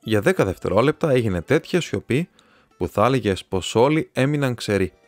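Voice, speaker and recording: A Greek man narrating a classic novel as an audiobook reader, steady and even. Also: mid-range voice, no room sound, faint music behind. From Greece. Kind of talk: scripted narration.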